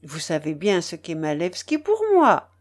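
A woman's voice: lowish voice, very animated, a little slow. A woman voicing a haughty, teasing young princess in an audiobook, with a mocking, imperious manner. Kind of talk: audiobook character voice.

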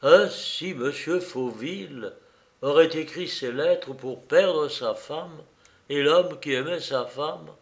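Indignant police prefect in a storybook reading, read by a man, slow and emphatic. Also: on the high side. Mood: probing. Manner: indignant, emphatic, stumbling protests. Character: agitated man, a police prefect, middle-aged.

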